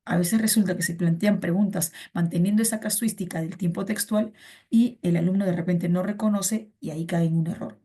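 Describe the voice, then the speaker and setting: Mellow-voiced woman teaching a chatty online class. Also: on the low side, steady tone, a little fast. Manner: chatty, repeats phrases, calls students "chiqui". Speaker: pre-university verbal reasoning teacher.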